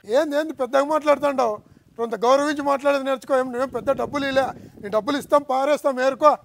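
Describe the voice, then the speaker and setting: A man's voice: very high voice, quick pace, creaky, slight background noise. A man acting, first pleading for a loan, later brushing off the lender rudely. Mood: defiant. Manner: pleading then defiant and rude. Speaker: borrower in comedy skit. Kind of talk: acted village comedy skit.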